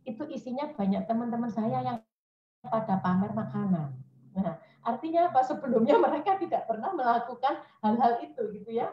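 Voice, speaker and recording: A woman giving a chatty parenting talk to mothers, often acting out the voices she quotes. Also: on the high side. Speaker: parenting webinar speaker. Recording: echoey room, dull lo-fi audio.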